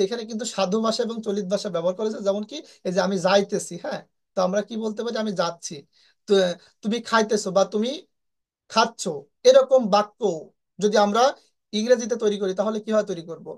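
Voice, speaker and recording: A woman's voice: mid-range voice, darkish tone. A woman from Bangladesh, teaching an online English lesson step by step, often checking "right?" with her students. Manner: explains step by step, asks rhetorical questions, frequent "হ্যাঁ?" checks.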